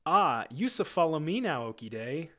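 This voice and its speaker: A man voicing a clumsy, goofy male amphibian alien who talks in drawn-out broken pidgin, in an amateur screenplay reading. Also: on the high side, sing-song, bright, forceful tone, voice pushed up. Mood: goofy pleading.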